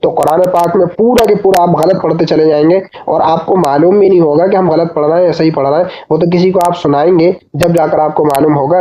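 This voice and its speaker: A man teaching reading in a recorded online lesson. He patiently spells syllables out slowly and calls his listeners brother. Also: on the high side, mellow, highs cut off.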